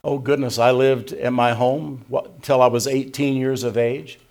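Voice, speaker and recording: An older male pastor delivers a sermon in a gravelly voice, his pitch sitting in the middle range for a man. He preaches with emphatic pushes that drop into quiet, hushed asides, and he quotes scripture in old-fashioned wording. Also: little pitch movement, a little slow. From Tennessee, USA.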